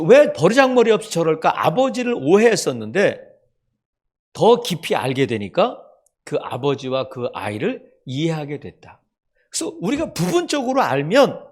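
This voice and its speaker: A male pastor in middle age delivers a sermon in an earnest, storytelling way. His voice sits high and swings widely in pitch. It falls quiet and soft whenever he voices a quoted line. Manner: earnest preaching, voice drops low and soft for quoted speech.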